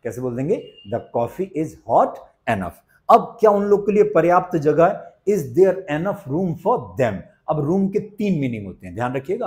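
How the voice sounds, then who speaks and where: A middle-aged Indian man teaching spoken English, his pitch rising and falling a lot as he talks. He explains in Hindi, then says each English phrase slowly and carefully in an Indian accent. His voice sits at an ordinary middle pitch. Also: darkish tone.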